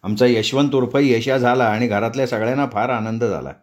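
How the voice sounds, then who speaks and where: A man narrating a novel aloud in a measured storytelling manner. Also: mid-range voice. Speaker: audiobook narrator.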